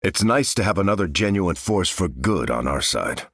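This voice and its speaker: An actor with an American accent playing a noble, steadfast veteran super-soldier in a video game, speaking with earnest, measured authority. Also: male voice, low-pitched, lively intonation, fairly bright tone, no room sound, clean studio sound, exaggerated voice. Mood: steady, earnest. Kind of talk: video game character voice lines.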